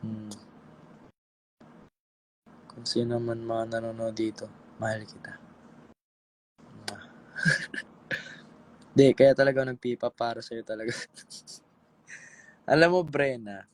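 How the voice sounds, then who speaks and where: A man's voice: mid-range voice, level tone, takes it slowly, long pauses, slight background noise, poor audio. A man on a casual live stream, tired from singing and joking playfully with his viewers. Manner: sings pop songs, then chats playfully with viewers. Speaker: singer doing an Instagram live.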